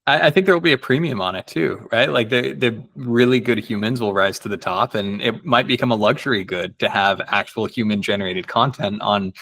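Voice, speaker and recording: A man who is a company co-founder, guest on a podcast, speaking in a relaxed, casual way with some mild swearing. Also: fairly low pitch, brisk, hardly any pauses, a little hiss or hum. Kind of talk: casual interview chat.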